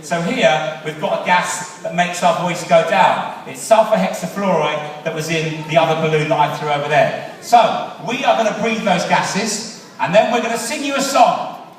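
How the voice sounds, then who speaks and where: A man's voice: high voice, normal speed. Joking English man on a hall stage. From England. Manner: jokey, teasing his assistant. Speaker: science show presenter. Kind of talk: stage science show patter. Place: large echoey hall on stage. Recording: echoey hall, voice from far off.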